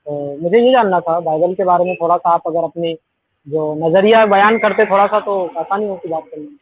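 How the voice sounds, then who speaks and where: A man calling into a live debate, persistent and repeating his questions. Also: high voice. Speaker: caller in a debate. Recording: tinny phone-line call.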